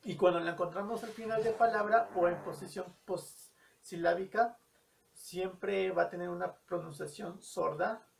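A man's voice: sits high, normal speed, creaky, far from the mic, a little hiss or hum. A man teaching a language lesson, carefully repeating example words to show how they sound. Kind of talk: slow spoken language lesson.

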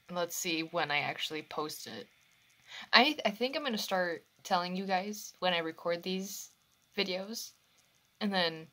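Woman vlogger, candid and self-correcting, unhurried delivery, bright tone, phone mic. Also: fairly low pitch, low-quality recording. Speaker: anime reaction YouTuber. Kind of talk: casual reaction commentary.

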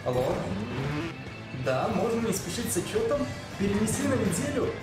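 A woman's voice: medium pitch, sing-song, moderate pace, close to an everyday voice. A woman voicing a weary, sleepy office worker in a comic story. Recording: very echoey, loud music behind.

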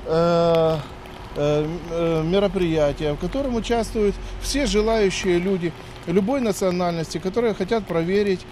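Out on a city street with faint traffic sounds behind him, a fifties-aged dictation participant responds to a reporter. His voice is high and a little mellow, moving at normal speed, and he argues and lectures while frequently stumbling into hesitations.

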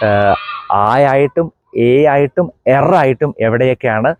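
A middle-aged priest from Kerala giving a German pronunciation lesson, spelling out contrasting sounds and repeating examples slowly. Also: male voice, mid-range voice, a little mellow, muffled recording, a little hiss or hum. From Kerala, India. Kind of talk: explanatory language lesson.

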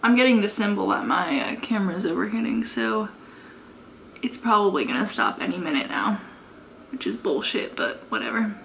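A woman's voice: mid-range voice, animated, moderate pace, creaky, fairly bright tone, a little hiss or hum, rough recording. An American woman in her twenties chatting casually through a makeup tutorial, giggly drunk, rambling and swearing freely. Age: 20s. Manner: sweary, unfiltered. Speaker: beauty vlogger. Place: carpeted bedroom, indoors.

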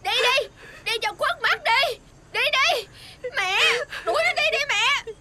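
A woman's voice: extremely high pitch, expressive, normal speed. A young woman with a Southern Vietnamese accent playing a spoiled, spiteful daughter who sobs and curses, in a TV fairy-tale drama. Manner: sobbing whine, spiteful shouting. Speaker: stepmother's daughter.

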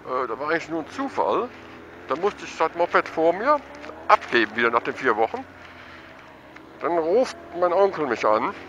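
A middle-aged man giving casual, excited running commentary while riding a motorcycle through town. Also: on the high side, moderate pace, lo-fi sound, slight background noise. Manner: chatty and excited, thinking aloud. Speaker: motovlogger. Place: outdoors on a motorcycle in town traffic.

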